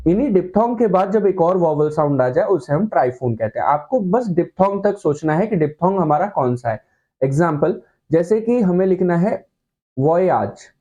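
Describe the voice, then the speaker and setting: A man's voice: high voice, mellow, dull audio. A man teaching an online shorthand lesson, explaining with playful comparisons and checking in with the class again and again.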